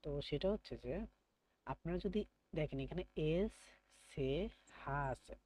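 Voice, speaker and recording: A man's voice: fairly high pitch, a little slow, warm tone. Patient man teaching a beginner German class. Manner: patient, praising, explains pronunciation step by step. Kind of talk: online class, calling on students.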